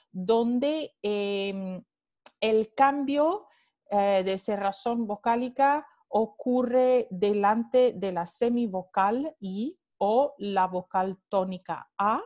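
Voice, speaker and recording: A woman giving a recorded linguistics lecture over slides, talking slowly and carefully and repeating example words. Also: fairly high pitch, a little mellow.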